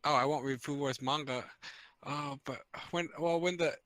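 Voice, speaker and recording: A man's voice: fairly high pitch, fairly even intonation, normal speed, a bit bright, no echo. A man co-hosting a casual podcast chat, curious and full of questions. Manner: curious, asks lots of questions. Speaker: podcast co-host.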